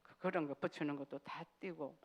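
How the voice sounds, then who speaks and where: A woman's voice: deep voice, fairly even intonation, a little fast, highs cut off. A woman giving a sermon testimony, telling her story with animation and acting out pleading prayers.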